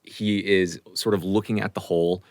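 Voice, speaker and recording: A man's voice: deep voice, fairly even intonation, normal speed, dry recording. A man narrating a tabletop game as game master in a casual, filler-heavy way.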